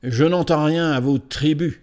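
A man's voice: on the high side, a little slow, darkish tone, pitched above the performer's own voice, lightly acted. Man voicing Roman officer, curt, dry, clipped, blunt, storybook.

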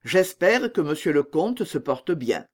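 Une lectrice qui fait un jeune vicomte réservé et courtois, dans un roman lu à voix haute. Elle descend sa voix sous celle de la narration et parle avec hésitation. Le débit est lent. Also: female voice, sits low, sing-song, a little slow, heavily acted. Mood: courteous. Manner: courteous, hesitant. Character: shy, polite young nobleman.

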